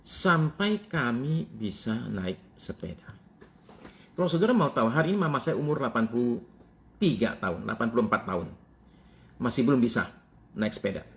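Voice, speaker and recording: A male pastor, preaching a sermon in a church and telling family stories with lively swings in pitch. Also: brisk.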